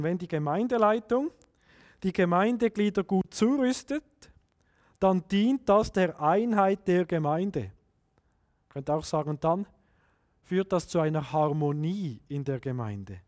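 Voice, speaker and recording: A man, preaching a sermon in an earnest, emphatic way with frequent pauses. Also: high-pitched, a little mellow.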